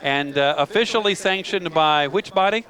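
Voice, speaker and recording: A man's voice: sits high, normal speed, a bit bright. A man hosting a live outdoor race broadcast, chatty and fond of jokes, steering the talk with questions. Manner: chatty, joking, asks leading questions. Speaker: broadcast host.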